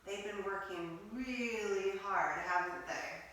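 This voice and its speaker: A woman leading a children's yoga class in a library room, giving slow, gentle step-by-step cues, heard from a distance in a roomy space. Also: mid-range voice. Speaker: yoga instructor. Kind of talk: guided kids' yoga class.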